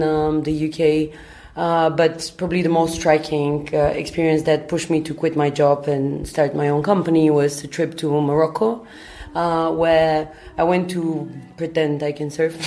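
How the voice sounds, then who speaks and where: A woman from Bulgaria, in her thirties, a startup founder answering interview questions in a thoughtful way, often pausing with ums and uhs. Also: low-pitched, darkish tone.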